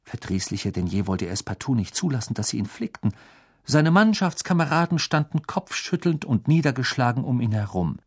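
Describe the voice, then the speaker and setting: Male audiobook narrator, animated, lively pitch, expressive telling. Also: brisk, slightly rough. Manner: expressive storytelling. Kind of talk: scripted narration.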